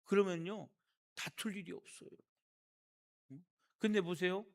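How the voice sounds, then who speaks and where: A man's voice: sits high, fairly even intonation, unhurried, creaky. A male pastor from South Korea giving a sermon, talking with the congregation and asking them rhetorical questions.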